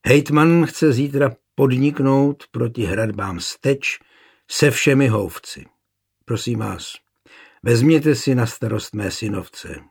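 A man voicing a calm, weary camp officer who teases his comrades, in a gravelly voice. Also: medium pitch. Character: worried, jocular older comrade and officer.

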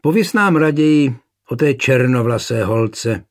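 A man's voice: medium pitch, lively intonation, pitched above the performer's own voice, lightly acted. A man voicing a playful young soldier who teases and provokes his companions. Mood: teasing. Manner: teasing, provocative.

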